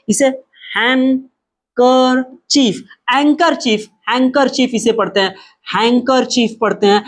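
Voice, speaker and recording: A man teaching a spoken lesson, explaining emphatically, asking and answering his own questions, and repeating example words slowly and drawn out. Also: extremely high pitch.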